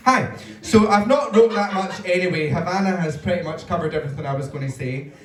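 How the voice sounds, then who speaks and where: A man's voice: high-pitched, brisk. A Scottish man giving blunt, joking, sweary feedback as a competition judge on stage. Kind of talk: spoken stage critique. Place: roomy live venue with audience. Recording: echoey live venue, distant mic.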